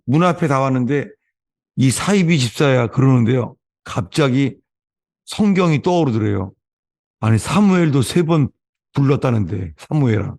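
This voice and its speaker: Korean pastor telling sermon anecdotes. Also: male voice, medium pitch, expressive, moderate pace, vocal fry, mellow. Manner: storytelling, acts out quoted voices. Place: church sanctuary.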